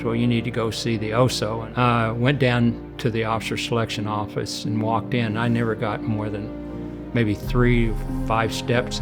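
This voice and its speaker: A man's voice: mid-range voice, creaky. An older man, a retired Marine colonel from Oklahoma and Oregon, telling his life story plainly in an interview. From Oklahoma and Oregon, USA. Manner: plain, even-toned recollection with fillers.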